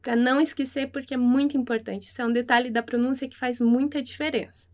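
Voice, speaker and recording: A woman teaching French pronunciation in a lesson, repeating words slowly and carefully. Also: fairly high pitch, steady tone, a little mellow. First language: Portuguese.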